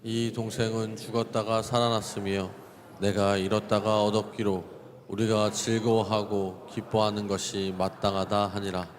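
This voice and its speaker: A man reading scripture aloud in church at a measured, even pace. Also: lowish voice. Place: church sanctuary. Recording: long reverb of a church hall.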